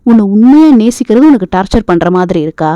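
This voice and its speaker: A woman voicing a pushy, hot-headed young man in an audio novel, teasing and quick to shout. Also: mid-range voice, dry recording, natural voice. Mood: furious. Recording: dull lo-fi dry recording.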